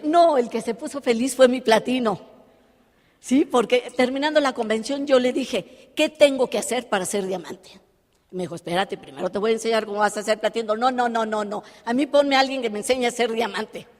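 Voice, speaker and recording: A woman giving a live motivational talk, telling her story with lively animation and acting out the dialogue. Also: fairly high pitch, moderate pace. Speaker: motivational speaker. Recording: long hall reverb.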